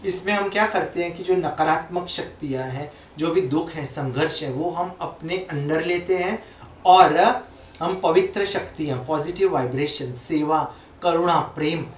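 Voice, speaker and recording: A man teaching and leading a guided meditation, speaking calmly and gently in drawn-out phrases with long pauses. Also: a little high, a little hiss or hum. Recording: echoey room, voice from far off.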